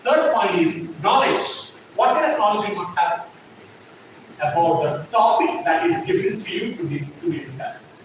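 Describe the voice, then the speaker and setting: His voice is high and sing-song, moving at normal speed as he trains a classroom. He stresses and restates each point and keeps asking whether the class is with him. The clip is noisy and echoey, picked up by a distant mic in the classroom.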